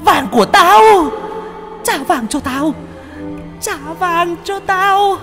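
Woman doing a creepy ghost lady wanting her gold back, high and slooow, tons of echo. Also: lively intonation, over music, heavily acted. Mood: menacing. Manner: slow, eerie, menacing. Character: vengeful female ghost demanding her gold. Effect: ghostly reverb. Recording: echoey with long reverb.

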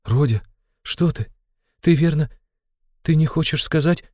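A man reading an audiobook, voicing a timid, tearful elderly mother in a high, quavering, pleading voice. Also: fairly quick, mellow, no echo, clean studio sound, natural voice. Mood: pleading, fearful. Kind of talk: audiobook character voice.

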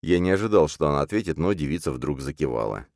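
A man reading a first-person crime thriller audiobook, with a low, dry voice that leaps up sharply for shouted threats. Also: animated, fast talker, no room sound. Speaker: audiobook narrator.

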